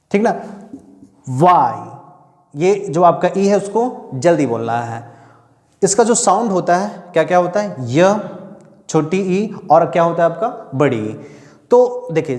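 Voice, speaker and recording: A man teaching a pronunciation class who slowly repeats each sound and keeps asking the class rhetorical questions. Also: sits high, a little mellow. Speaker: spoken English teacher. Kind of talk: classroom lesson explaining pronunciation. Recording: echoey room with long reverb.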